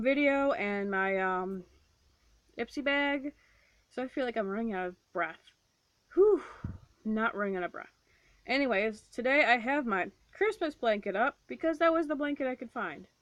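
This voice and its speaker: Woman book vlogger, fairly high voice, loose chatty delivery full of ums, dry close sound. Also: no room sound. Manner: chatty, rambling, with many fillers and restarts. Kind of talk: casual book review chat.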